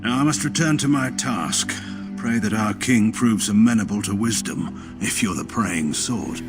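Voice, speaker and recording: A man's voice: lowish voice, lightly acted. Loghain, a man playing a cold stern general. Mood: cold, condescending. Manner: dry, cutting, measured. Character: stern middle-aged male war general, cold and condescending. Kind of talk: video game voice acting. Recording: game audio with music behind.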